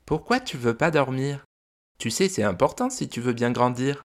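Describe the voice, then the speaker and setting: A man's voice: mid-range voice, big pitch swings, moderate pace, pitched above the performer's own voice. Man voicing a kind little girl astronaut. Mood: gentle. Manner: gentle and encouraging.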